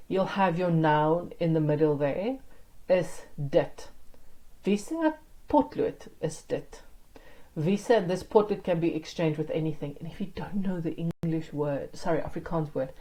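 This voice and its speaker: Woman teacher going thru grammar, low mellow voice, encouraging. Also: a little slow, rough recording. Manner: encouraging, explains step by step. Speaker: language teacher. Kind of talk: online grammar lesson.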